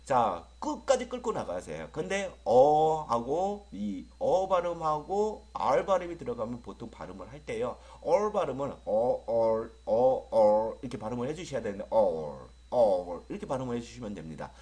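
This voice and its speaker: A man teaches English vowel sounds in an online lecture. His voice moves up and down a lot. He repeats each word slowly with long vowels and jokes with his students, whom he calls friends. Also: mid-range voice, very animated, darkish tone.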